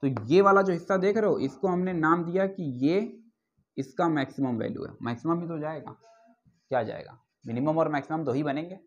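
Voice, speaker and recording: A man teaching maths in a classroom lecture, his voice sitting a little high. He keeps checking whether the students follow, repeats key terms, and dictates definitions slowly. The recording sounds dull and lo-fi. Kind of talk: classroom lecture on real analysis.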